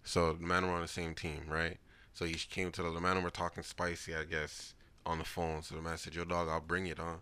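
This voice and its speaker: Deep-voiced man with Toronto slang accent. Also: monotone, a little fast, pushed and bright, smooth. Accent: Toronto urban slang accent. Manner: slangy, repetitive, joking boasts. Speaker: podcast host. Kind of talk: casual banter.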